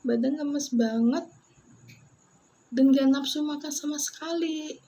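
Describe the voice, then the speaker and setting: A young woman telling a personal story in a vlog, halting and close to tears, tired, with many restarts. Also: sits high, warm tone. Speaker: vlogger. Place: isolation ward room.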